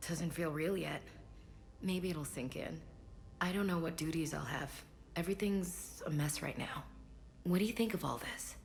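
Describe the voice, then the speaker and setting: Low, gravelly female soldier. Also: normal speed, a little hiss or hum. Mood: subdued, sincere. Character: wounded female soldier, proud, earnest, grieving big sister. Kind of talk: video game dialogue acting.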